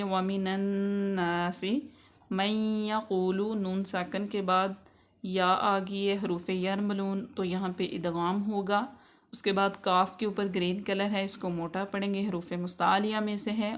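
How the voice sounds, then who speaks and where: Slow, even-toned woman teaching recitation. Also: mid-range voice. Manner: patient, measured, repeats words to demonstrate. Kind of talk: tajweed lesson, explaining then reciting.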